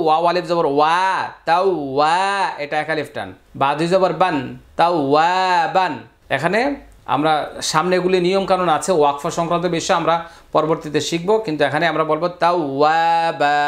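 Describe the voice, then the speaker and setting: A man teaching Quran reading in a Bangladeshi Bengali accent, spelling out letters and vowel marks, then chanting the words slowly. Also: a little high, fairly bright tone. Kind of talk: step-by-step recitation lesson.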